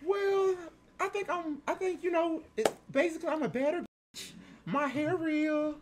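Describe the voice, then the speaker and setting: Man putting on a hoarse flirty date woman. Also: a little slow, background noise. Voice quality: high, hoarse put-on voice. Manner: hesitant, stammering, suggestive. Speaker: blind date contestant.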